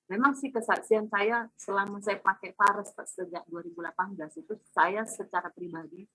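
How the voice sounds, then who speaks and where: A woman giving a casual, animated testimony over a video call, acting out her family's dialogue as she tells it. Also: medium pitch, brisk, husky, no echo, poor audio. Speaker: testimonial speaker.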